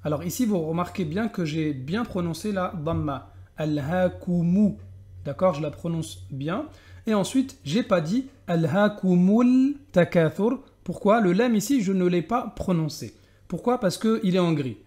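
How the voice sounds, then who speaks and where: High-voiced man patiently teaching recitation. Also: lively intonation, normal speed, a little mellow. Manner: patient, explains step by step, asks and answers his own questions. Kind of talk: tajwid lesson with slow recitation.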